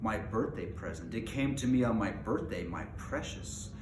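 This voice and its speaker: A man's voice: lowish voice, expressive, moderate pace, distant mic, lightly acted. A man voicing a wretched, wicked, greedy cave creature for a storybook, hissing and muttering repetitively in broken grammar. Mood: gloating, secretive. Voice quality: hissing, whispery, shrieking when upset. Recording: echoey room with background noise.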